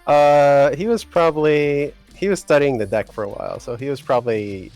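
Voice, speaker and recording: A man's voice: on the high side, moderate pace, a little mellow, faint music behind. A man playing a tabletop game, chatting in an easygoing, offhand way. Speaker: player. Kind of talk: casual game chat.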